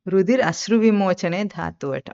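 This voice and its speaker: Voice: medium pitch, animated, normal speed, gravelly, a little mellow. Teacher giving a lo-fi scripture discourse. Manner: asks rhetorical questions and answers them; quotes and explains Sanskrit terms. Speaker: spiritual teacher. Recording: dull lo-fi recording.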